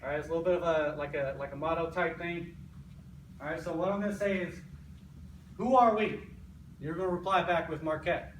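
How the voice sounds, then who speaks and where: A man's voice: on the high side, fairly even intonation, fast talker. An American man, an army sergeant, giving a motivational pre-game speech in an emphatic, repetitive way, often checking in with "right?". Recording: echoey, noisy room, distant mic.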